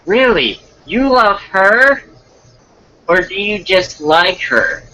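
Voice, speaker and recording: A man voicing a shy, sweet young woman on a blind date in a raised voice, reading haltingly from an amateur fan story. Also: high voice, big pitch swings, bright, forceful tone, pitched above the performer's own voice, heavily acted, low-quality recording. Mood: sweet, curious.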